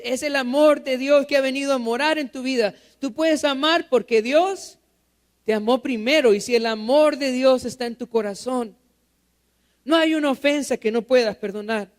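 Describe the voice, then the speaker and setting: A man delivers a church sermon in a strikingly high voice. He keeps asking his listeners questions and then answers them himself. He drives his points home by repeating them. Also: normal speed. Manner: asks the congregation rhetorical questions and repeats key phrases. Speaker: pastor.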